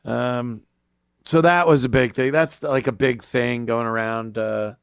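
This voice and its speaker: A man's voice: mid-range voice, steady tone, measured pace, gravelly, clear, resonant tone, no echo, studio quality. A man hosting a talk show, giving a casual opinion monologue in a blunt, profane, jaded manner. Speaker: talk show host, comedian.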